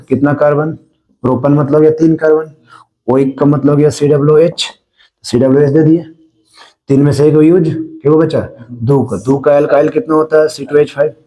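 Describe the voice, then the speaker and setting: Mellow-voiced Indian man teaching chemistry. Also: fairly high pitch, low-quality recording. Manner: explains step by step, often checking "है ना?". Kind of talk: classroom-style lecture.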